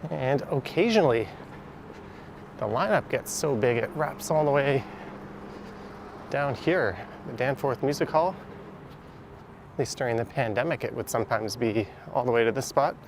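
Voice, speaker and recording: A man's voice: medium pitch, expressive, normal speed, long pauses. A man with a Canadian accent chatting casually as he power walks and live streams through city streets. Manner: chatty, speaks while power walking. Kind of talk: casual walking commentary. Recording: outdoor street noise. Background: traffic and street noise.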